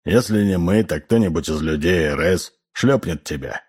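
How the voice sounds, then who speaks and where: A man's voice: sits low, moderate pace, darkish tone, husky. A man reading an audiobook, voicing a weary, embittered male station chief who speaks bluntly. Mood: bitter. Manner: blunt, bitter.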